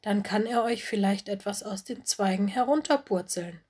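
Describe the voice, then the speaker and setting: A woman's voice: mid-range voice, normal speed, darkish tone, slightly rough, lightly acted. A woman doing a bubbly, gleeful talking tree-spring. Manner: bubbly, speaks of itself in third person. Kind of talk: storybook reading.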